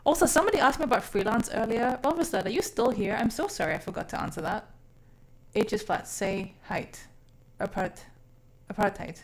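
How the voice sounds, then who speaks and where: Brisk and animated, this woman speaks in a fairly high voice with slight background noise. A South African-born live streamer raised mostly overseas from age six, she chats casually with informal, sweary, expressive phrasing.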